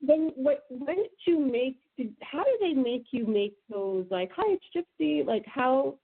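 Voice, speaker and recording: A woman conducting a casual phone interview, rambling through halting questions on a narrow phone line. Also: high-pitched, lively intonation, husky.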